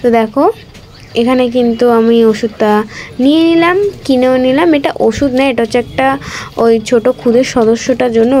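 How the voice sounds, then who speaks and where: A woman's voice: fairly high pitch, mellow. A woman narrating a casual vlog, explaining each step as she goes. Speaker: vlogger.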